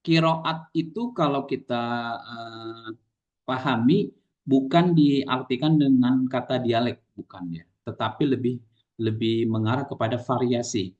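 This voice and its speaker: A man's voice: medium pitch, a little slow, a little mellow. Man lecturing casually, muffled audio. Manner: explains with many fillers and tag questions.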